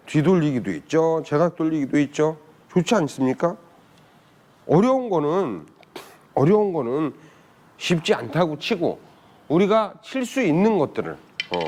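A man's voice: on the high side, darkish tone, a little hiss or hum. A man teaching billiards in a casual spoken lesson, chatting and often putting rhetorical questions to viewers. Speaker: billiards instructor.

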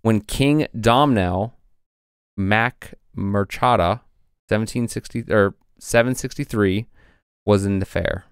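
A man's voice: on the low side, slow, clean tone, dry recording, clean studio sound. A man co-hosting a casual podcast, reading passages from old texts with frequent fillers. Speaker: podcast co-host presenting research.

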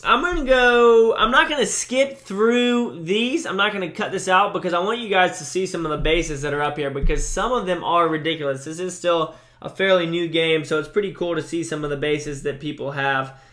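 A man's voice: high-pitched, normal speed, hardly any pauses, fairly bright tone. A young man giving chatty, upbeat commentary on a mobile game he is playing, with frequent fillers and restarts. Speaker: gaming YouTuber. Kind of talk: casual gameplay commentary.

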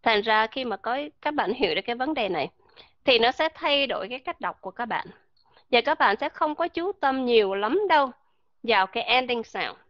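A woman's voice: on the high side, lively intonation, fairly quick, fairly bright tone, no echo. A woman teaching an English pronunciation class, calling herself by name and quizzing her students. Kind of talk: classroom lecture. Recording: dull lo-fi dry recording.

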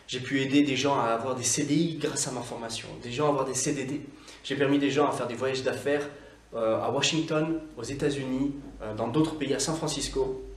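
A man teaching English in a casual video lesson, talking in a chatty way with many fillers and slowly drawing out the English example phrases. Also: medium pitch, roomy sound, distant mic.

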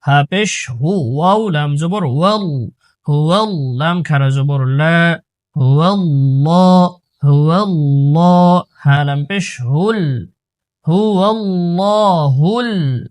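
A man teaching Quran recitation, spelling out each letter and vowel mark and then chanting the whole word slowly. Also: a little high, no echo, clean studio sound. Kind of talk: slow letter-by-letter tajweed lesson.

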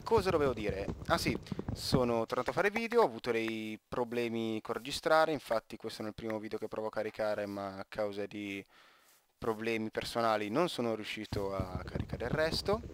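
A man's voice: lowish voice, expressive, moderate pace. Teen guy from italy rambling over gameplay, trips over words, jokes around, noisy home mic. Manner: rambling, self-interrupting, joking asides. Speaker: gaming YouTuber. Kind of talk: casual gameplay commentary.

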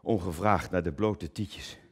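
A cabaret performer delivers a theatrical stage monologue, lurching between booming declamation and low muttered asides. He often stammers and repeats words, and his voice is unhurried and slightly rough.

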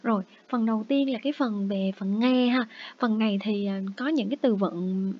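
A woman teaching young children a review lesson speaks in a slightly high voice with a breathy edge. Patient and encouraging, she draws out each English word and repeats it. The sound is muffled and lo-fi.

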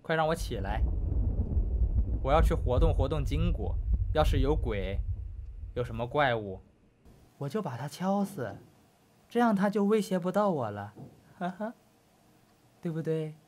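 Young male gaming creator, high and animated, chatty horror playthrough with bravado for the audience. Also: a little slow, long pauses, background noise. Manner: joking, talks to viewers, claims not to be scared, yelps at scares. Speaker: gaming YouTuber. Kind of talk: horror game commentary. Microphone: headphones on, desk mic.

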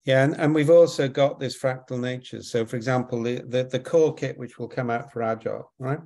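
Gravelly man explaining at length. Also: mid-range voice, brisk, darkish tone. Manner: explanatory, with frequent tag questions and repeated words. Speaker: invited expert answering audience questions. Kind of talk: webinar Q&A answers.

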